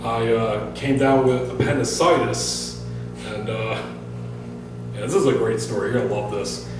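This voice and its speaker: An American author from northern Michigan gives a casual introduction and reads a story to a small audience, speaking in a halting, self-deprecating, informal way with a steady, mid-range voice. The bar-like venue is echoey, the mic sits across the room, and music plays behind him.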